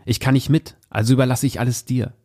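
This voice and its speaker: A man's voice: mid-range voice, steady tone, quick pace, dark tone, natural voice. A man reading aloud the lines of a stubborn young man who speaks curtly and with disgust to his fiancée. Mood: scornful. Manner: curt and scornful.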